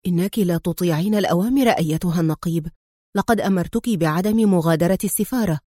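A stern male spy hero speaks low, calm and clipped, as a woman reading a storybook puts him on. The voice sits lower than her own, and the sound is dry and close. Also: fast talker, no room sound, natural voice. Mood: irritated.

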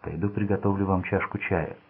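A man's voice: low voice, steady tone, a little fast, husky. A man reading the lines of a fussy, anxious, kindly aging bearded lady who rambles and gushes, in a storybook. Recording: phone-like narrow band.

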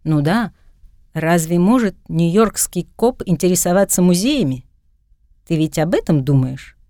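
A woman's voice: lowish voice, expressive, unhurried, warm tone, no room sound, studio quality. A woman voicing a confident, playful young male New York cop in an audiobook. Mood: teasing. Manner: playful, self-assured.

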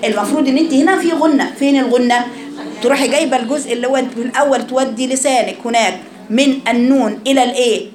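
A woman's voice: high voice, racing, a little mellow, reverberant. A woman with an Egyptian accent teaching a class on Quran recitation, asking her students questions and demonstrating sounds. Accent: Egyptian Arabic. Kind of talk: classroom lesson.

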